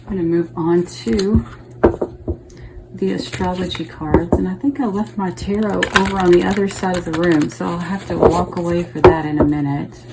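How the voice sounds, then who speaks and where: A woman's voice: fairly low pitch, fairly even intonation, moderate pace, heavy background noise. A woman giving a casual, chatty tarot reading to her viewers, thinking aloud and checking in with them as she goes. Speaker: tarot reader.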